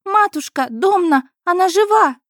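A woman voicing a spiteful, bratty young noblewoman who talks in a shrill, demanding voice. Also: lively intonation, normal speed, dry recording, clean studio sound. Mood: shrieking.

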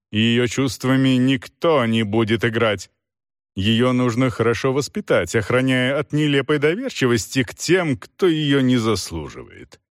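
A man's voice: medium pitch, no echo, clean studio sound, natural voice. A man voicing a stern, imperious older aunt in an audiobook reading, with a curt, commanding and dismissive manner.

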